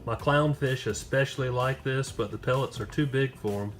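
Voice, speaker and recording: A man with a medium-pitched voice narrates a casual home demonstration. He explains each step informally and easily, without a script, as if showing friends around. Faint music plays behind him. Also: moderate pace. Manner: informal, easygoing explaining to viewers. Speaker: home aquarium hobbyist filming a fish-care vlog. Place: at home beside a fish tank and kitchen sink.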